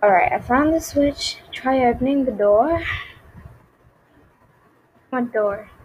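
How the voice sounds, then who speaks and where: A woman's voice: high voice, slow, darkish tone, husky, rough recording. A young woman giving nervous game commentary, repeating herself and reacting to jump scares. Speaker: gaming YouTuber.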